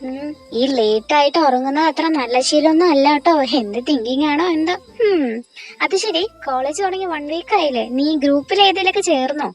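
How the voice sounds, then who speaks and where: A woman voicing a caring middle-aged mother who gently fusses over her daughter. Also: high voice, brisk, soft background music, lightly acted. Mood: gentle.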